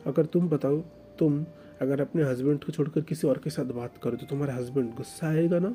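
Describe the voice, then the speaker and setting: A man voicing a possessive young fiancé who talks in a soft, coaxing, soothing way. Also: on the high side, steady tone, a little fast, faint music behind, natural voice.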